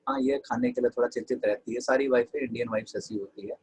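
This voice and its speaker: A man's voice: mid-range voice, fairly even intonation, fast, slightly rough, poor audio. An Indian man teaching an online English class, mixing Hindi with English and dictating notes to his students.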